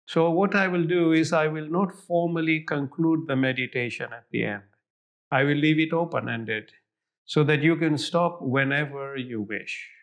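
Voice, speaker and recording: A man leading a guided meditation in a calm, soothing, unhurried manner with long pauses and a gravelly fry in his voice. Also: a little high.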